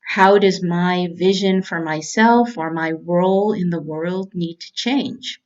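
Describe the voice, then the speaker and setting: A middle-aged woman from California, a cancer doctor giving a prepared talk in a measured, earnest way. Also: on the low side, a little mellow, dull audio.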